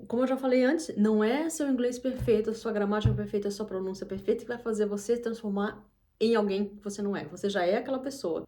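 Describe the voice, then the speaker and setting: In a mellow, mid-range voice, a woman from Brazil who teaches English chats casually to her channel's camera. She rambles with many restarts and asides.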